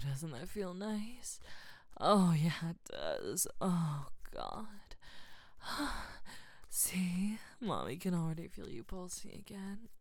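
Slow breathy whispering woman. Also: lowish voice, dry recording. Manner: breathy, teasing, soothing. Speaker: audio roleplay performer. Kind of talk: intimate whispered roleplay.

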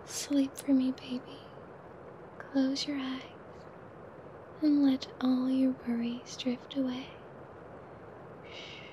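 A woman whispers close and soft in an intimate ASMR roleplay. Her voice sits high but mellow and warm, and she draws every phrase out very slowly, breathy and unhurried. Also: flat delivery, muffled recording, a little hiss or hum. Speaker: audio roleplay performer.

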